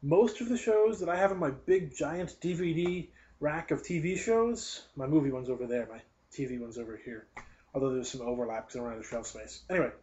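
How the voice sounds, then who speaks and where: Young man, slightly high voice, sarcastic podcast host, rambling newspaper commentary, dull lo-fi sound. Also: darkish tone, a little hiss or hum. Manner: sarcastic, rambling, goes off on tangents. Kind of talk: casual live commentary. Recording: dull lo-fi recording.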